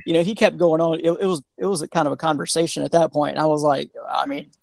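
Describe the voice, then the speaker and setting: A retired Army sergeant, a man, being interviewed, telling stories in a relaxed, rambling way full of fillers and restarts. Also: a little high, fast talker, creaky, dry recording. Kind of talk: casual storytelling interview.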